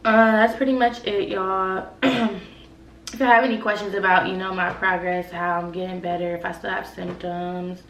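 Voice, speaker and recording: Here a young adult vlogger talks to camera at normal speed in a mid-range, fairly bright voice that barely moves in pitch, with a little hiss or hum present. She's ill with a cold-like bug and a stuffy nose, rambling casually and leaning on "like" and "y'all." Her voice sounds a bit far off in an echoey room.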